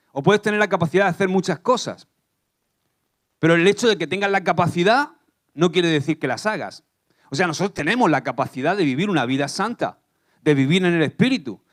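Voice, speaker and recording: A man from Spain preaching a sermon in church, animated and often asking the congregation questions. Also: fairly high pitch. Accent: Spanish from Spain. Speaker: pastor.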